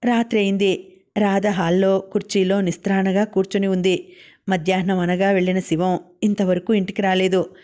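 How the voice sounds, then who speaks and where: Lady reading an audiobook novel, very flat level delivery. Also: mid-range voice, moderate pace. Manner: steady, even reading. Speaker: audiobook narrator. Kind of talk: novel narration.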